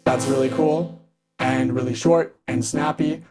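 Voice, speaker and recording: A man hosts a casual synth walkthrough for his synth demo channel, enthusiastic and chatty, speaking close into a studio condenser mic. His medium-pitched voice stays steady and unhurried over loud music.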